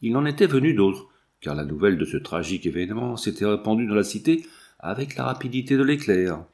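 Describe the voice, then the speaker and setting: A man narrating a classic novel in an even, measured storytelling voice. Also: fairly low pitch. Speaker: audiobook narrator. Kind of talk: scripted narration.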